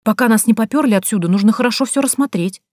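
A woman voicing an excitable, curious female friend in an audiobook, speaking in eager exclamations. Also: fairly low pitch, brisk, breathy edge, no echo, studio quality. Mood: excited. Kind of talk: audiobook character voice.

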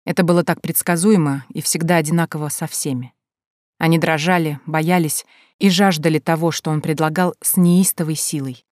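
A woman reading an audiobook as narrator, in measured storytelling narration. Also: low voice, fairly even intonation, a little mellow, no echo, studio quality. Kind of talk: scripted narration.

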